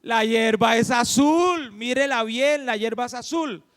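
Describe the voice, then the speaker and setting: A man's voice: very high-pitched, expressive, unhurried, long reverb tail. A man voicing a stubborn, boastful male donkey in a spoken fable, who insists and repeats himself.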